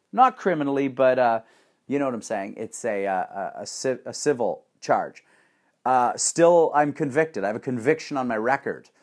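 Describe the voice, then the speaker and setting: A man in the middle of a heated, profane rant, voice sitting at an ordinary mid pitch. He talks casually but with bite, full of sarcasm and sudden bursts of energy. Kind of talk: ranting monologue.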